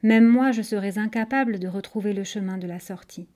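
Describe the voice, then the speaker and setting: A woman voicing a fearful, guilt-ridden old male architect in a storybook reading, speaking in a hushed, anxious way. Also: medium pitch, fairly quick, lightly acted.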